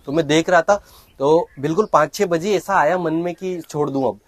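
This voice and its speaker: A man's voice: a little high, normal speed. A young male medical graduate from India, a guest telling his story casually and laughing often. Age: young adult. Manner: laughs often, recounts events with frequent restarts.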